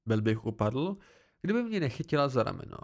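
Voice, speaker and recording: A man's voice: mid-range voice, big pitch swings, gravelly, darkish tone. A man reading an amateur audiobook, telling the story expressively in the first person. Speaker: audiobook narrator.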